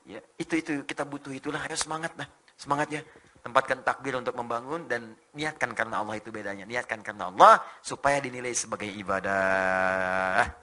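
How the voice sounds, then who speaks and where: A man with an Indonesian accent preaching a lively sermon, joking and mimicking foreign speakers, swinging from soft to loud. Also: medium pitch, a little fast. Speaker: Islamic preacher. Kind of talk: lively sermon to young people.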